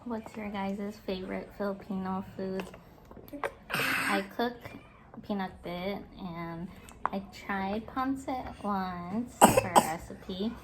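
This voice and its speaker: A woman's voice: mid-range voice, takes it slowly, heavy background noise. A young adult woman chats casually in an eating vlog, chewing while she talks. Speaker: vlogger and mother of a baby.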